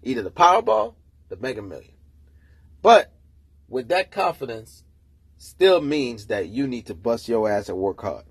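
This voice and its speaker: A man's voice: mid-range voice, unhurried, pauses often, husky, no room sound. A man hosting his own podcast, ranting casually and telling a story with lots of swearing. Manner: profane, animated storytelling. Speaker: podcast host. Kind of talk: casual solo rant. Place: room, early morning.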